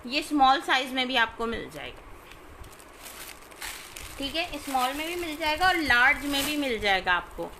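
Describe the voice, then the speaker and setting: A woman, chatting informally as she sells clothes on a live stream and often checking in with her listeners, over clear background noise. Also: sits high, very animated, normal speed, long pauses, sharp tone. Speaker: live online clothing seller. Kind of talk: casual live shopping sales chat.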